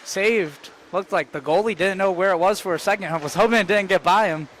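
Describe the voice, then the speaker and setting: A man's voice: high voice, fairly quick, fairly bright tone, a little hiss or hum. A man calling live play-by-play for an amateur hockey game, matter-of-fact as he follows the action. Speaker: play-by-play commentator.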